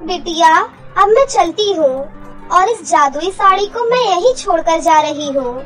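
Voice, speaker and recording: A woman voicing the gentle, protective spirit of a dead mother in a cartoon story. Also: extremely high pitch, animated, a little slow, soft background music, poor audio. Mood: stern. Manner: tender, soothing.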